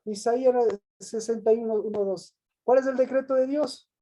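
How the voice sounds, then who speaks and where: A man's voice: very high-pitched, steady tone, moderate pace, dark tone. A male pastor giving an interactive Bible lesson who reads scripture aloud, asks questions, calls on people by name and repeats their answers back.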